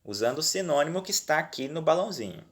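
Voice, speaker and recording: A man's voice: fairly high pitch, animated, fast. Patient male teacher with a Brazilian accent. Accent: Brazilian Portuguese. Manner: patient, reassuring, checks in often. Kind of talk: remote lesson walking through worksheets. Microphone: phone.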